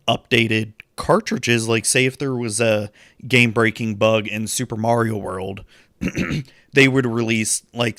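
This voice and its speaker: A low, gravelly-voiced man co-hosts a casual gaming podcast in a laid-back way, chiming in with short agreements and the odd curse. His voice is fading a little, and the sound is dry and close. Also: bright, forceful tone, no room sound. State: losing his voice. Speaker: podcast co-host.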